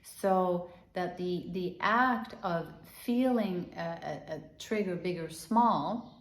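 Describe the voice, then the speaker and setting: In a reverberant space, a Danish healing and meditation teacher guides listeners through body awareness. She's a gentle woman with a lowish voice, moving at an unhurried pace and returning again and again to soft guiding phrases.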